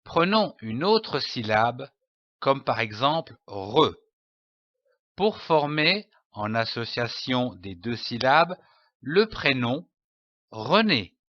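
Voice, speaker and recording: A man teaching children to read, slowly sounding out syllables and spelling letters one by one in a deliberate lesson voice. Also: medium pitch, sing-song, a bit bright, no room sound, muffled recording. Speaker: reading teacher. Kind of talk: slow syllable-by-syllable reading lesson.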